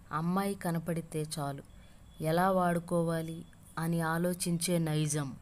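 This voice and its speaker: A woman reading a romantic suspense story aloud in a measured, even way. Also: on the low side.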